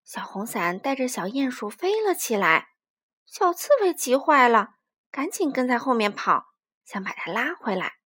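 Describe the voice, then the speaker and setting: A woman narrating a children's story in a gentle, expressive way. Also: on the high side, normal speed, breathy edge.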